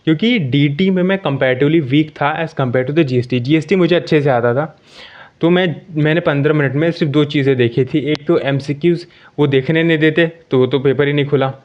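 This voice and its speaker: A young man with a somewhat high voice tells a casual story from his own experience. He talks conversationally, checks in often with the listener and restarts his phrases. The sound is muffled and lo-fi. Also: normal speed. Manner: conversational, with frequent "ठीक है" check-ins and self-corrections. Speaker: exam candidate sharing his experience. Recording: dull lo-fi sound.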